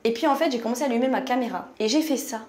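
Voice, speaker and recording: A young woman from France chatting casually to camera in her bathroom at night, slangy and animated with viewers. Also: on the high side, very fast. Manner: chatty, slangy, addresses viewers as "les gars". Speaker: YouTuber.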